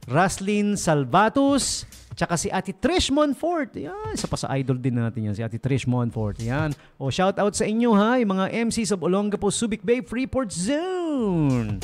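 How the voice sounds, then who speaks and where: A man with a Filipino accent, a radio DJ chatting casually on air, joking and laughing often. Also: sits high. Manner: jokey, laughs often, mixes English into Tagalog. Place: radio studio.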